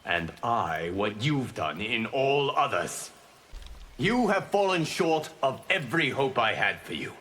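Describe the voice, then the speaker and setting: This male actor, medium in pitch, portrays a video game's guardian god: calm, merciful, and solemn. His measured, formal, earnest speech carries a mood of solemn regret.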